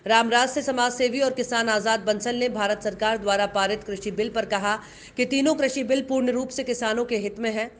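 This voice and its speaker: Woman reading a news report. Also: on the high side. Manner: steady, formal reading. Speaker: news reader. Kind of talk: scripted news voice-over.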